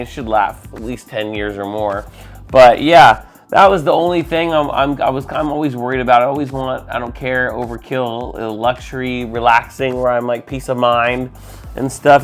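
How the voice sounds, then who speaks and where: A man with a mid-range voice talks like a casual tech vlogger. He sounds sick and a little muffled, yet he is enthusiastic and informal as he rambles along. Music plays behind him. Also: medium pitch. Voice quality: muffled, congested. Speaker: tech video host. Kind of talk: casual rambling vlog, unboxing.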